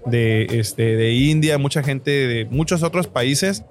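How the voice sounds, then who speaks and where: A man's voice: medium pitch, takes it slowly, soft background music. A man with a northern Mexican accent hosting a casual street interview in slangy talk. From Tijuana, Mexico. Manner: slangy, heavy use of filler address words. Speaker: show host.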